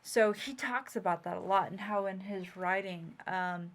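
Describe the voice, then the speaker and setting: A woman's voice: medium pitch, moderate pace. A woman podcast host chatting casually and enthusiastically. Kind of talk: casual chat.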